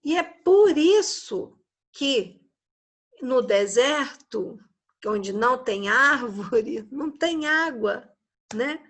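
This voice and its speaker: A Brazilian woman teaching a recorded class to young children, explaining slowly and patiently and often tagging her sentences with a questioning "né?". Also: high voice, expressive. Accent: Brazilian Portuguese. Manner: slow, patient, explanatory, frequent "né?" tags. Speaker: schoolteacher.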